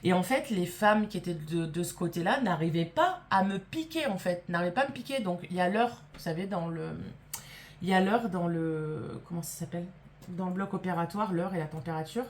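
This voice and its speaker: A woman's voice: on the low side, expressive, fairly quick, a little hiss or hum. A woman vlogger telling a story to camera in a casual way. She is emphatic and indignant, swears freely, and acts out the people she quotes.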